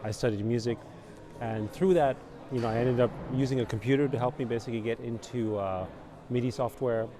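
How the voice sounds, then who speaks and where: A middle-aged man from Austria speaks in an easy, meandering way, sprinkling "you know" through long answers. His pitch sits in an ordinary middle range. Clear crowd chatter carries in the background, as at a busy event. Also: a little fast. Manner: relaxed, rambling, many fillers like "you know" and "basically". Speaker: interview guest, company founder. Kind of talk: conversational interview. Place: outdoors at a busy conference venue. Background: crowd noise.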